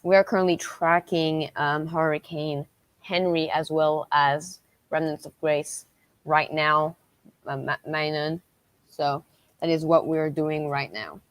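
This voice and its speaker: A woman hosting a livestream as a weather tracker, talking through storm updates unscripted in a halting, repetitive way. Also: low-pitched, level tone, dry recording.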